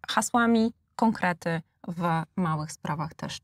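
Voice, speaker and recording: A woman's voice: lowish voice, slow, no echo. A woman in her forties with a Polish accent, a debate guest who speaks hesitantly with many fillers and restarts, on a lapel mic in a studio. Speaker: debate guest, international relations expert. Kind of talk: panel debate. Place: studio with blue backdrop.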